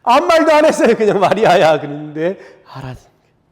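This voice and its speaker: A man preaching a sermon as pastor, in a conversational way that keeps asking the congregation to agree, and he acts out the scripture voices with dramatic pauses. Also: high-pitched, wildly swooping pitch. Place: church sanctuary. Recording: reverberant church sanctuary.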